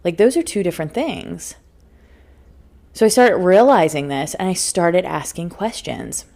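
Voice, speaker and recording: In a solo motivational podcast on spiritual self-help, a woman who hosts and works as a life coach sounds animated, gravelly, and warm, her lowish voice moving a little slowly. She speaks earnestly and emphatically, laughing often and repeating phrases for emphasis.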